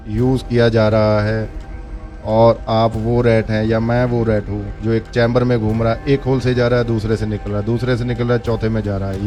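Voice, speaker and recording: A man with a somewhat low voice giving casual commentary as a host. He often chuckles and poses rhetorical questions to his listeners. Faint music plays under his voice. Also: darkish tone. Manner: chuckles often, asks rhetorical questions, mixes in English phrases.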